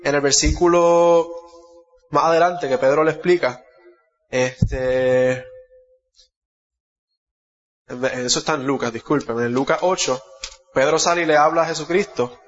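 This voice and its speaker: Puerto Rican male preacher, explains scripture verse by verse, self-correcting, slightly high voice, muffled hall sound. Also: steady tone, measured pace, pauses often. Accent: Puerto Rican Spanish. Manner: expository, reads Bible verses aloud, corrects himself. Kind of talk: sermon.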